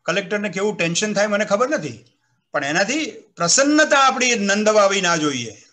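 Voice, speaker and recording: A man, a retired civil servant, giving an animated storytelling talk on a video call, acting out quoted voices and reciting verse. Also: sits high, moderate pace. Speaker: retired civil servant speaking at a literary event. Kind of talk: anecdotal speech at an online literary program.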